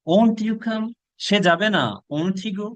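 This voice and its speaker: A man with a Bangladeshi accent teaching a spoken English lesson, drawing out each model sentence slowly and giving quick translations in between. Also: high-pitched, no room sound.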